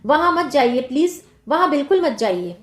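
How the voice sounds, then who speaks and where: Brief: sulky tearful schoolboy, read by a woman teacher, complaining, high voice, echoey room. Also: very animated, moderate pace. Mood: plaintive. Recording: roomy echo.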